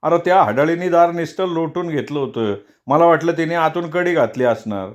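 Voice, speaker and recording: A man's voice: on the high side, moderate pace, voice pushed up, close to an everyday voice. A man voicing an aggrieved, grumbling older village man who keeps donkeys, in a storybook reading. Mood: complaining. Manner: complaining, aggrieved.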